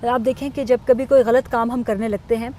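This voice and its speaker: A woman co-hosting a Bible teaching talk, calmly explaining and reading verses aloud. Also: on the high side, slight background noise. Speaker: co-host.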